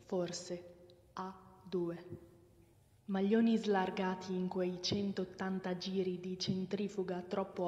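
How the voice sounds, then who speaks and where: A woman performing her own poem, chanting repeated words slowly. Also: on the low side, darkish tone. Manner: slow, chanting repetitions. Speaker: poet. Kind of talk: poetry performance. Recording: echoey hall, dull lo-fi sound.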